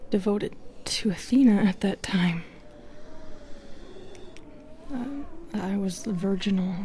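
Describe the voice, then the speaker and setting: A woman playing a lonely, cursed Medusa in an audio roleplay, speaking slowly and haltingly in a hushed half-whisper. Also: medium pitch, slight background noise, close to an everyday voice. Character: modern Medusa, lonely cursed woman, bitter yet gentle. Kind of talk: intimate audio roleplay acting.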